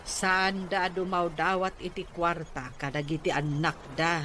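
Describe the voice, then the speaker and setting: A woman with a Filipino accent plays an opinionated village neighbour in a conversational Ilocano radio drama. Her lowish voice is pushed and bright yet level in tone, delivered at a measured pace. Faint background noise can be heard.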